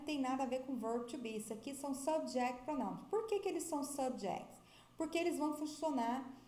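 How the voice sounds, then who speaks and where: A fairly high-voiced Brazilian woman gives a lively English grammar lesson. She switches between English and Portuguese and slows down to stretch out her examples. Her voice rings in an echoey room. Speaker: English teacher. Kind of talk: video lesson.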